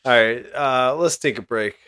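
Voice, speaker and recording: A man's voice: medium pitch, normal speed, sharp tone, a little hiss or hum. A man hosting a casual podcast in a slangy, effusive way. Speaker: podcast host. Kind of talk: casual geek-culture podcast chat.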